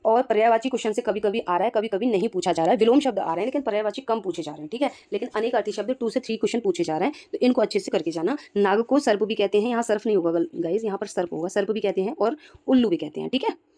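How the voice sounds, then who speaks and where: A woman's voice: mid-range voice, rapid-fire, warm tone. A woman teacher working through exam questions one by one and explaining each answer, often putting rhetorical questions to herself and confirming with "ठीक है.".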